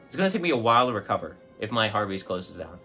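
A man's voice: fairly low pitch, quick pace, soft background music. A man giving an opinionated food rant as a vlogger. He talks emphatically and keeps tagging his points with "right?" and "okay?". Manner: emphatic, animated, tags lines with "right?" and "okay?".

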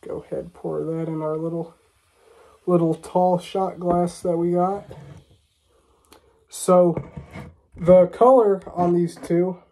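A young American vlogger reviews drinks, chatting casually to camera in a small room while stuffed up with a cold. His high, mellow voice stays level, and he speaks slowly, pausing often.

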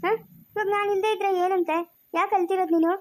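A woman playing a poor, gentle young male hotel worker who talks in a soothing, coaxing way in a family skit. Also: extremely high pitch, steady tone, fast. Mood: earnest. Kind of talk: amateur family skit acting.

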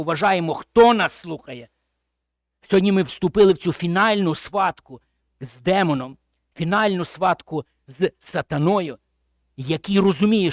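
A man preaching a sermon as pastor, speaking with emphasis and often dropping to a hushed, low voice at the end of a phrase. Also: no room sound, studio quality. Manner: repeats and restates phrases while explaining.

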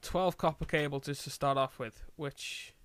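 A man's voice: a little high, fairly even intonation, normal speed, a bit bright, smooth, no room sound. A man chatting casually as he co-hosts a gaming video, bantering in an exasperated, sweary way. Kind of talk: casual chat while playing Minecraft.

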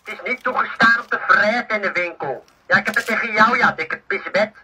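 A man voicing an insulting store loudspeaker announcer. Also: high-pitched, brisk, recorded from a distance. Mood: scolding. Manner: scolding, crude. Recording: tinny radio-like loudspeaker sound.

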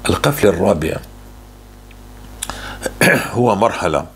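Fervent man with a gravelly low voice. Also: sing-song, a little slow, a little hiss or hum. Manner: fervent, repeating words for emphasis. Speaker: religious speaker. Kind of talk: answering religious questions.

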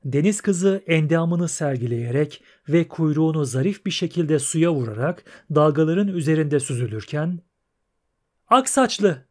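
A man's voice: a little high, lively intonation, normal speed, hardly any pauses, mellow. Man narrating a fantasy audiobook.

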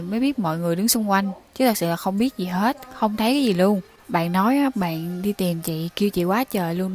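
A woman's voice: medium pitch, darkish tone. Chatty young woman telling ghost stories. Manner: chatty, addresses listeners directly, acts out quoted lines. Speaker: storyteller of listener-submitted ghost stories. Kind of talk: casual spoken storytelling.

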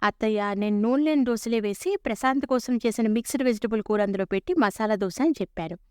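A woman voicing a calm, caring young daughter-in-law who speaks soothingly in a storybook tale. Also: a little high, fast, clean tone, no echo, clean studio sound, lightly acted. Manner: soothing, reasonable.

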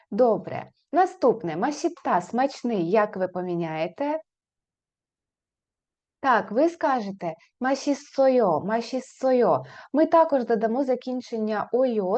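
A woman teaching a beginners' language lesson, pronouncing example words slowly and clearly and repeating them for her students. Her voice sits a little high. The audio is slightly dull and lo-fi. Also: warm tone.

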